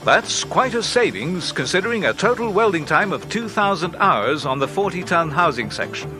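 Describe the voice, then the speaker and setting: A man narrating an industrial training film in a measured, instructive way, as a studio voice-over. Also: high-pitched, big pitch swings. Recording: faint music behind narration.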